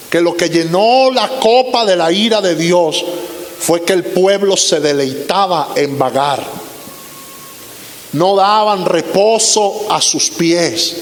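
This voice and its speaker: A man in his fifties, a pastor, preaching a sermon with emphatic repeated lists. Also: high voice. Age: 50s. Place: church sanctuary. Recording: roomy hall reverb with faint hiss.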